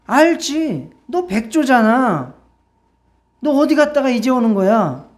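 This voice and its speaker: A woman's voice: fairly high pitch, big pitch swings, slow, darkish tone. A woman preacher voicing a flock of friendly swans who coax and welcome a lost bird in a sermon story. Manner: friendly, coaxing.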